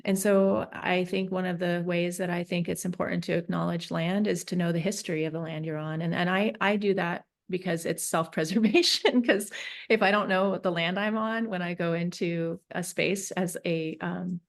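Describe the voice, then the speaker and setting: A woman from Northern California, a peacemaker and facilitator, talking through her thoughts in an interview with many pauses and restarts. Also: fairly low pitch, fairly even intonation, gravelly. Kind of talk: reflective interview talk.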